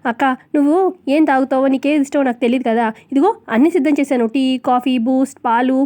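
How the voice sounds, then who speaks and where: A woman's voice: sits high, fast talker, warm tone, close to an everyday voice. A woman voicing a spoiled, sly young daughter who whines. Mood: whiny. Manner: whiny.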